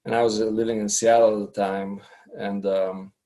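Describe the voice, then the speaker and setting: A man's voice: fairly low pitch, flat delivery, normal speed, dark tone. A man in his fifties from Bulgaria, talking as an interview guest in a hesitant way with many fillers and restarts. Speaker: guest, customer researcher. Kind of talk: casual interview talk.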